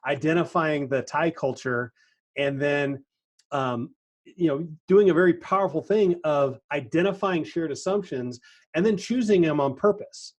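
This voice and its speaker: A man hosting a casual interview, reflecting thoughtfully with pauses and fillers. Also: on the high side. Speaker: podcast host.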